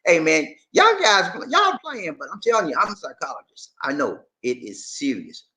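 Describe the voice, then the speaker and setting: In a casual, folksy chat with his livestream audience, a Charleston, South Carolina man with a Southern Gullah Geechee accent keeps repeating his phrases in colloquial style. His slightly high voice swings hugely in pitch, bright and forceful, at normal speed.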